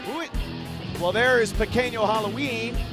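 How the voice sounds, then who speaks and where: A man's voice: very high voice, moderate pace, over music. A man calling pro wrestling as a lucha libre play-by-play announcer, with emphatic, dramatic delivery.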